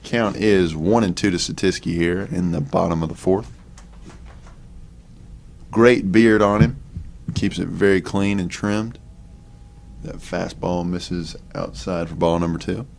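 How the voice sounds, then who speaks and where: A young man calling a college baseball game play by play, relaxed and chatty, with offhand asides between pitches. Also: moderate pace, gravelly. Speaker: play-by-play announcer. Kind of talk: sports commentary.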